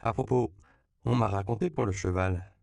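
A man reading the lines of a brisk religious brother in an audiobook. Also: on the low side, vocal fry, a little mellow, no echo, pitched above the performer's own voice.

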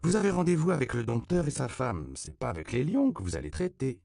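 A man's voice: mid-range voice, huge pitch swings, a little fast, vocal fry, a little mellow, voice pushed up, exaggerated voice. A man voicing a brash, worldly woman in a novel reading, blunt and teasing.

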